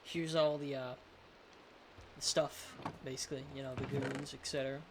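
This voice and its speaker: A man's voice: medium pitch, flat delivery, moderate pace, creaky. Lisping man, noisy recording. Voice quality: lisp. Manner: hesitant, rambling, unsure. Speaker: gaming video host. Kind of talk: casual game showcase commentary.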